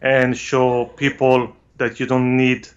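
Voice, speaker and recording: An Italian guest photographer gives a casual explanation during a remote interview from his home studio. His mid-range voice is monotone and clean-toned but halting, full of "uh" pauses and non-native phrasing, heard over lo-fi call audio.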